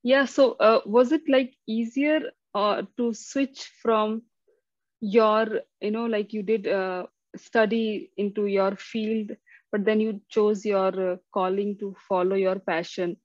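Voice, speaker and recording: A woman's voice: mid-range voice, steady tone, slow, dry recording. Chatty woman interview host. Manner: chatty, with many fillers. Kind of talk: interview on her own channel. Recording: slightly muffled, dry sound.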